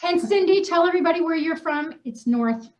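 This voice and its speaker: A woman from New Hampshire, a host and co-author, reads from a personal story during an unscripted group chat, her phrasing informal, chatty and slangy. Her voice is very high-pitched yet darkish in tone, brisk and lively. The room sounds dull and echoey.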